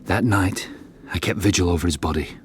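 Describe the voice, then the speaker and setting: An earnest expedition captain played by a man in a gothic radio drama, with a low, solemn voice. His delivery is dramatic, set against clearly audible background ambience. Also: brisk, a little hiss or hum, close to an everyday voice. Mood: solemn, haunted. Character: earnest, ambitious male Arctic expedition captain. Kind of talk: gothic audio drama dialogue and narration.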